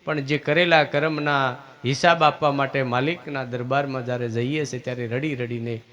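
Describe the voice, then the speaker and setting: A man's voice: mid-range voice, steady tone, normal speed, a bit bright, lo-fi sound. A man giving a village sermon, asking his listeners questions and teaching. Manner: preachy, asks listeners questions. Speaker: religious teacher. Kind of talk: village sermon with devotional singing.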